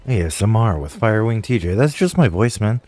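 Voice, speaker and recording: Deep-voiced male streamer chatting. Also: expressive, fairly quick, a little mellow. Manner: rambling, apologetic, talking to chat. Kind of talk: casual live-stream chat.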